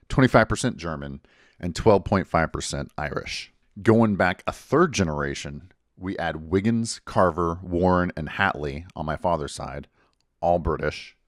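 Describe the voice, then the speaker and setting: Hosting a genealogy channel, a man with a very low voice explains things in a casual vlog style. He works through the numbers step by step, methodical and clear, in a dry, close recording with no room echo.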